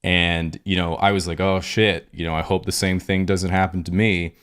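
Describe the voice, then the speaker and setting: A man with a very deep voice hosts a casual podcast interview. He talks in long, meandering, reflective turns. His questions build slowly as he thinks aloud. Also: little pitch movement, fairly bright tone, clear, resonant tone. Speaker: podcast host.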